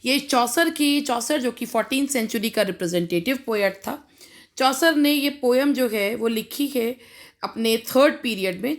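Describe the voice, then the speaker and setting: An Indian woman teaching English literature for an exam, reading each question aloud and then explaining it with frequent fillers. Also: fairly high pitch. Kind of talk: exam-prep lecture.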